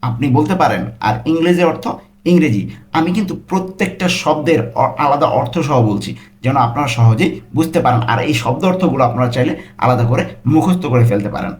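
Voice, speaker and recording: A man giving a language lesson, repeating each phrase slowly and breaking it down word by word. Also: medium pitch. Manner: slow, syllable-by-syllable model pronunciation. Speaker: language teacher.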